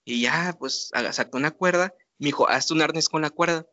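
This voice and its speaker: Young Mexican man, lively slangy storyteller, bright voice, dull lo-fi recording. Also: on the high side, brisk, no echo. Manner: laughing, animated retelling with slang. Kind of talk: casual storytelling. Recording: dull lo-fi sound.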